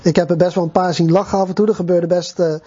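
Male preacher, conversational sermon, mellow and husky, dull lo-fi church recording. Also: high voice, little pitch movement. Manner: conversational, addressing the congregation with pauses and fillers.

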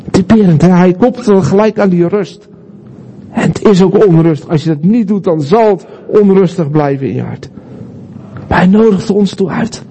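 A man's voice: high-pitched, mellow, slightly rough. A man preaching a sermon, earnest and emphatic, with repeated phrases and rhetorical questions.

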